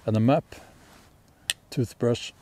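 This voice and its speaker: A Norwegian man with a Norwegian accent, hosting a casual bushcraft gear talk outdoors in a forest, relaxed and rambling with many ums and restarts. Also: medium pitch, takes it slowly, a little hiss or hum. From Norway. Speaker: bushcraft channel host. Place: outdoors in a sunny forest clearing.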